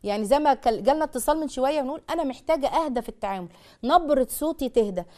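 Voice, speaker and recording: A woman with an Egyptian accent hosting a call-in parenting advice show, giving fast and emphatic advice like a teacher. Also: high voice, animated, mellow. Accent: Egyptian Arabic.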